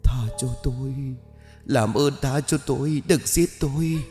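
A man voicing the ghost of a murdered woman, pleading and shrill in an eerie way. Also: lively intonation, measured pace, vocal fry, warm tone, in a large hall, faint music behind. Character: wailing vengeful female ghost, murdered woman.

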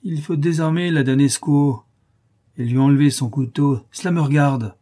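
A man voicing a coarse, grumbling outlaw with a hoarse, whisky-soaked voice. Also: on the high side, normal speed, warm tone, voice pushed up, close to an everyday voice. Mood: gruff.

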